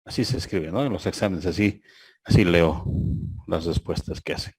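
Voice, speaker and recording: A man, a university lecturer giving an online class over a video call, who reads examples aloud slowly and mocks their errors. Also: sits low, darkish tone, slightly rough, dry recording.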